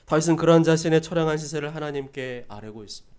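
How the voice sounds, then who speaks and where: High-voiced preacher, talky and emphatic. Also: male voice, rapid-fire, a little mellow, clear, resonant tone. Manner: conversational, emphatic, repetitive with rhetorical questions. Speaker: pastor. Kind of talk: sermon.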